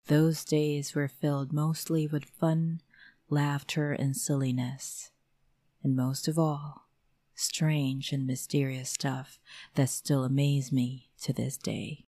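Casting: woman, middle-aged, Filipino accent, deep and unhurried, dramatic host for spooky tales. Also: level tone, dark tone, no room sound. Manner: measured, dramatic storytelling delivery. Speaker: storyteller host. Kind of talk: scripted spooky story narration.

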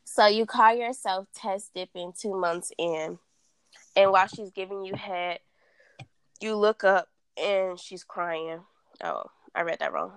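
A woman hosting a casual chat, reading dating scenarios aloud at a slow, deliberate pace and laughing often. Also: mid-range voice, clear, resonant tone, dry recording. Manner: reads questions slowly, laughs often.

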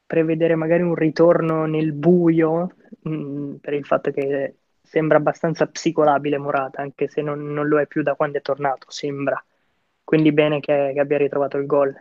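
A man's voice: fairly high pitch, no echo, muffled recording. A man giving his casual opinions on football as a pundit. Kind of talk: casual football commentary chat.

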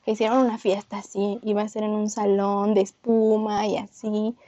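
A woman's voice: medium pitch, normal speed, no room sound, muffled recording. A woman with a Mexican accent, a podcast co-host telling a story in casual chat and acting out the voices of people she quotes. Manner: animated, acts out quoted voices.

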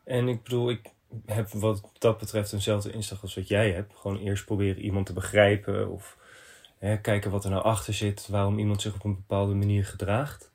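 A man hosting a podcast, reading a listener's confession letter aloud in short, measured phrases. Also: lowish voice, flat delivery, a little mellow.

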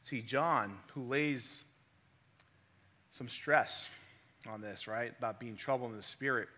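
A man delivers a sermon in a bright, forward voice, talking to his listeners casually and asking them rhetorical questions. His voice rings out with the long reverb of a large hall. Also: mid-range voice, slow pace. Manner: conversational, asks the audience rhetorical questions. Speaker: preacher.

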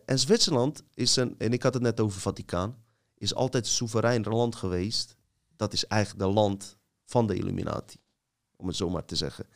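Praatgrage man in een gesprek. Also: on the low side. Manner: talkative, leads the conversation. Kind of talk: casual chat.

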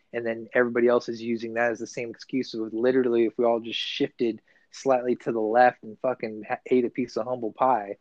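This podcast co-host has a mid-range, darkish voice captured in a dull, dry recording. He talks loosely and profanely, wandering off track and often starting his sentences over.

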